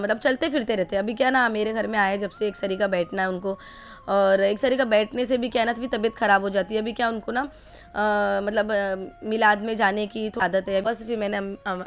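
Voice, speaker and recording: A woman in her forties talking casually through a family vlog at home, rambling with lots of fillers. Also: medium pitch. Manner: chatty, rambling, many fillers. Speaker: family vlogger. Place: home kitchen.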